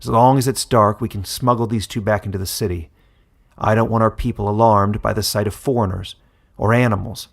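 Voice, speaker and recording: A man voicing a scheming, gloating captor leader in a spoken fantasy story, with a loud, commanding delivery and a low, gravelly, husky voice. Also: fairly even intonation, fairly quick.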